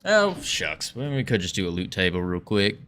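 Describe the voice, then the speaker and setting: A man's voice: fairly low pitch, moderate pace, faint music behind. A man streaming his game development, chatting casually with viewers and thinking aloud as he works. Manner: relaxed, chatty, greets viewers, muses while working.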